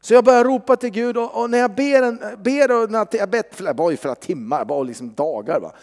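A man preaching a sermon, animated and conversational, often tossing in quick tag questions as he tells a story. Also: high-pitched, big-room sound. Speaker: pastor. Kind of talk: sermon with personal testimony.

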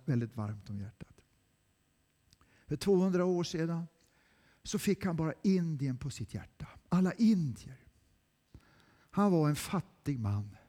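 Male pastor, high voice, dramatic sermon delivery with big shifts from cries to whispers, church echo. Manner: dramatic, swinging from loud cries to hushed whispers.

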